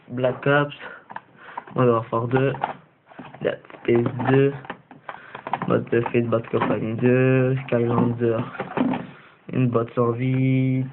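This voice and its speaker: A young man from Belgium with a Belgian French accent, giving a rambling, hesitant tour in a casual vlog, full of fillers. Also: mid-range voice. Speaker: vlogger. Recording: tinny lo-fi phone-like audio with hiss.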